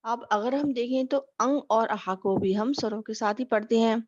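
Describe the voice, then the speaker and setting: A woman teaching a grammar lesson for exam preparation. She explains slowly and keeps asking "okay?" as she goes. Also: a little high, no echo, highs cut off.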